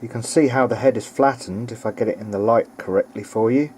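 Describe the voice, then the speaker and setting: A little fast and darkish in tone, this mid-range male voice belongs to a video hobbyist at his home workbench, hesitantly thinking through a vintage audio repair. He talks casually behind a handheld camera, and the homemade recording is clearly noisy.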